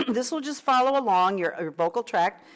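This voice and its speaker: A woman's voice: a little high, animated, normal speed. A woman with a Midwestern accent coaching a choir in rehearsal, breaking into sung lines to demonstrate. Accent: Midwestern American. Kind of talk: rehearsal instruction.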